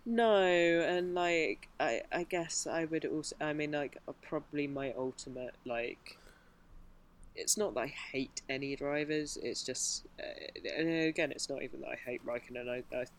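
A woman's voice: deep voice, moderate pace, slight background noise. A woman, a motorsport journalist, chatting as a podcast guest in a rambling, hesitant way with many restarts. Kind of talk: casual podcast chat.

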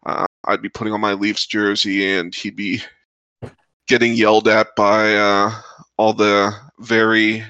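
A man chatting casually on a podcast, relaxed with many pauses and fillers. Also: fairly low pitch, smooth, no echo, highs cut off. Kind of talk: casual chat.

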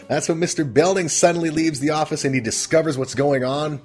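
A man's voice: fairly high pitch, slightly rough. A man hosting a casual comedic recap of a TV episode, rambling and amused at his own retelling. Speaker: host.

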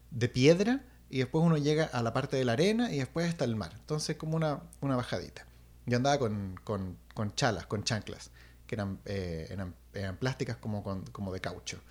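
A young man telling a personal story in casual chat, animated and acting out sounds. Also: medium pitch. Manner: animated, acts out voices and sounds, restarts.

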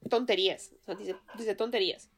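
Speaking fairly quickly with a breathy edge, this medium-pitched woman from Colombia has a Colombian accent. As a podcast co-host in casual conversation, she laughs frequently and often starts her sentences over.

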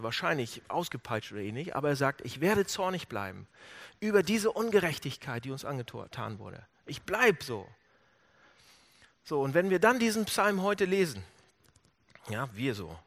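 Guy preaching, lively and bright, acts out the voices he quotes, goes big then drops low. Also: normal speed. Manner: animated, acts out quoted voices with big swings in pitch and loudness. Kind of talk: sermon.

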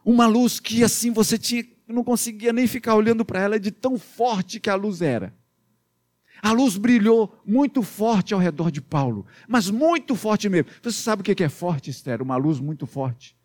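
Mineiro pastor telling kids a bible story, high voice, playful, does sound effects. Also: male voice, normal speed. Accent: Minas Gerais. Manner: animated, playful, with sound effects and questions to children.

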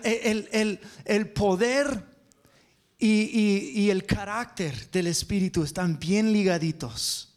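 A man preaching a sermon to a church congregation, moving between quick bursts and slow, stressed phrases. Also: high voice.

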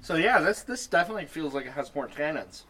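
A man's voice: a little high, lively intonation, quick pace, bright, forceful tone. A man giving sommelier-style tasting notes in casual chat, thinking aloud as he describes the wine. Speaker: podcast host and wine taster.

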